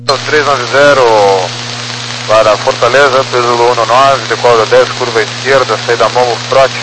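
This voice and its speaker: A Brazilian airline pilot heard over the radio, reading back his clearance in quick, clipped procedural phrases. His voice sits at an ordinary male pitch. A noisy radio transmission hisses under every word. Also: steady tone.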